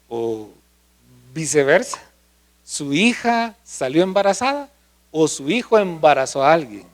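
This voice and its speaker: Man, pastor, sermon, questions the congregation, high-pitched.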